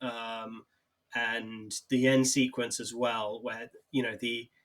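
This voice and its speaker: Man giving measured takes on a film. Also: mid-range voice, level tone, a bit bright. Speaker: podcast co-host. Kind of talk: casual film discussion.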